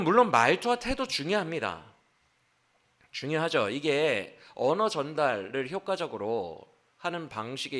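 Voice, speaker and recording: A man preaching a sermon as pastor, acting out the quoted speech with sudden changes in loudness. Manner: animated, acts out quoted speech with shifts of pitch and loudness. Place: church.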